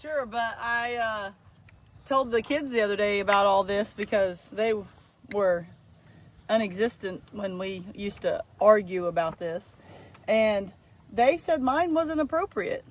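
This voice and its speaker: A woman's voice: mid-range voice, unhurried, a little hiss or hum, poor audio. A woman chatting playfully and telling stories outdoors on her farm as a vlog co-host. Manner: playful, chatty, laughs easily. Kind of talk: casual chat and storytelling.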